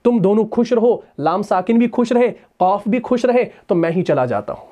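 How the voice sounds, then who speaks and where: A man's voice: high voice, lively intonation, moderate pace, mellow, dull audio. Meek male letter alif, voiced by a teacher, self-pitying and pleading. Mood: resigned.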